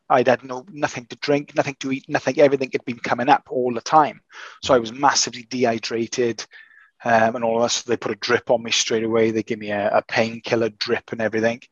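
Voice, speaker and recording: A man recovering from an illness, talking in casual chat as a podcast host, halting and restarting often. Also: mid-range voice, no echo, lo-fi sound. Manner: hesitant, halting with many restarts.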